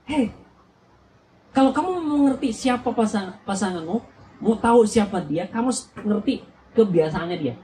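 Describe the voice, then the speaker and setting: A young adult preacher speaks at a church youth retreat with a pitch that leaps all over, acting out small scenes and firing questions at the listeners. A faint hiss of room noise sits underneath. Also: normal speed, low-quality recording. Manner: animated, acts out little scenes and quizzes the audience. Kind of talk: lively youth sermon.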